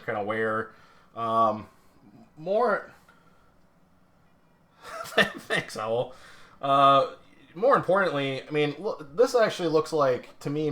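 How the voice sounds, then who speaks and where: With a medium pitch and a touch of brightness, a man rambles his way through a live-streamed pinball teardown, bringing the playfield up close to the camera. His talk is casual, cluttered with fillers and restarts, and he is quick to mock himself.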